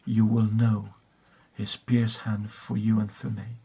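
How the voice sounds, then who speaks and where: A man's voice: fairly low pitch, little pitch movement, takes it slowly, creaky, warm tone, slightly rough. A man preaching a sermon, hesitant, with many fillers and restarts.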